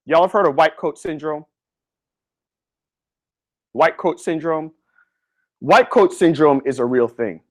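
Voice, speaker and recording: Animated man coaching his audience. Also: fairly high pitch, slow, pauses often. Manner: animated, slangy, talks straight to the audience. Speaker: physical therapist coaching students. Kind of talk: live online lecture.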